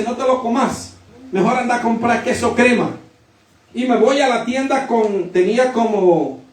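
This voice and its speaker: A man's voice: sits high, darkish tone. A man preaching a sermon, telling a personal story and building to emphatic declarations. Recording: echoey room from a distant mic.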